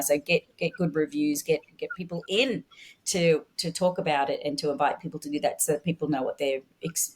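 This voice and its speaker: A woman guest chatting casually in an interview, often restarting and searching for words. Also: low-pitched.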